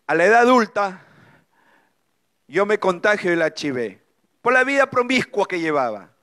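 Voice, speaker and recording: High-pitched middle-aged man, church testimony, emotional preaching with dramatic pauses. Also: sing-song, a bit bright. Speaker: speaker giving a testimony.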